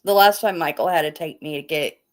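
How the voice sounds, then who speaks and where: A woman's voice: sits low, quick pace. A woman with a Midwestern accent co-hosting a podcast in casual chat. She reads from her notes and spells words out letter by letter. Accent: Midwestern American. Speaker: podcast co-host.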